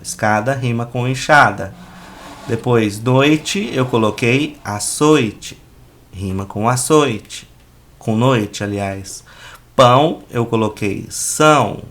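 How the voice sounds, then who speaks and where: A man's voice: medium pitch, a bit bright. A man with a Brazilian Portuguese accent, a teacher patiently walking students through a worksheet and checking in often. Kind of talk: explaining a school worksheet.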